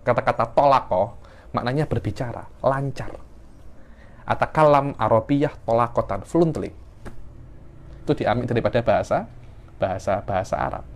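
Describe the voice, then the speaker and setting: A man giving a classroom lecture on Quranic sciences, explaining terms and rising sharply in pitch when he stresses a point. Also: moderate pace, long pauses. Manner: explains, then rises sharply in pitch for emphasis. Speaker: religious teacher.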